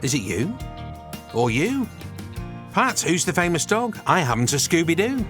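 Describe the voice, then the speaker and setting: A British man narrates a documentary in a fairly high voice that swings up and down a great deal. He is cheeky and teasing, with music underneath. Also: big pitch swings, normal speed, fairly bright tone. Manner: playful, teasing asides.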